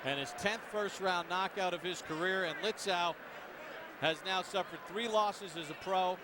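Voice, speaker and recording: A man's voice: high voice, moderate pace. A man giving live boxing commentary in an emphatic, polished broadcast delivery. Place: ringside at a boxing arena. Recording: noisy arena ambience.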